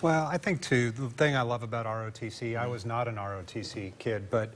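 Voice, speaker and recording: A man giving reflective, conversational parade commentary in a halting, searching delivery. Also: mid-range voice, a little hiss or hum.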